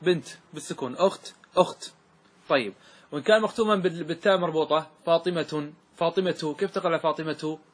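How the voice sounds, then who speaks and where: A man teaching a grammar lesson to a class. He recites verse slowly, asks questions and answers them himself. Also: a little high, breathy edge. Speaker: sheikh teaching Arabic grammar.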